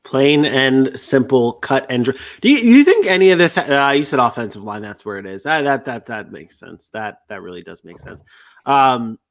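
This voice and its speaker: A man's voice: mid-range voice, sing-song, normal speed. A man hosting a sports podcast, recapping games in casual chat and joking with his co-hosts. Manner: joking, tries to keep order. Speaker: podcast host.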